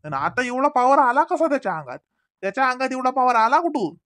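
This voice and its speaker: A bright, mid-pitched voice plays a defensive village man in a cartoon comedy, performed by a voice actor. He talks in a Vidarbha Marathi accent, stammering and repeating himself as he argues back. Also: a little fast, dry recording, clean studio sound, lightly acted. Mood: accusing.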